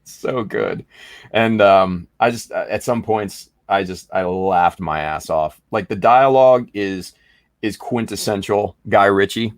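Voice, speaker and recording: Casting: man, low voice, slow unhurried delivery, enthusiastic rambling chat, dry close sound. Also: no room sound. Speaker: podcast co-host. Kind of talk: casual chat.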